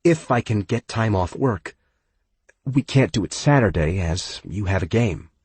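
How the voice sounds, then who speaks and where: A man's voice: fairly low pitch, lively intonation, unhurried, darkish tone, husky, no echo, pitched above the performer's own voice. A man voicing a tired young working woman who answers tersely and with frustration. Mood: hesitant.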